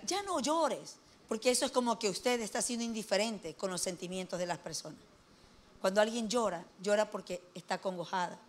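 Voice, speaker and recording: A middle-aged woman with an Ecuadorian accent preaching a conversational sermon, folksy, asking her listeners questions and joking lightly. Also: mid-range voice. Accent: Ecuadorian Spanish.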